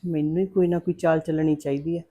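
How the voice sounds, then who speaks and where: Woman doing a fretful scheming village mom, scolds her daughter, loud when she calls out. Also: low voice, fairly even intonation, fast, lo-fi sound. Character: scheming middle-aged village mother, worried and sharp-tongued. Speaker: mother. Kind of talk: family drama acting.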